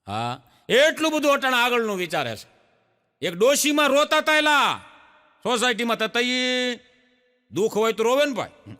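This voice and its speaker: Comedian guy, high bright voice, echoey hall, acts out the old ladies. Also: moderate pace, long pauses. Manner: animated storyteller voicing old women and wives. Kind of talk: stand-up joke telling.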